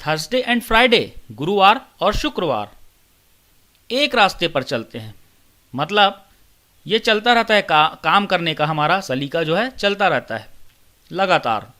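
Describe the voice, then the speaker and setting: A man's voice: high-pitched, sing-song. A man teaching young children, reading a short English poem word by word and explaining it simply. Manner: reads each English word slowly and deliberately; addresses children warmly and simply.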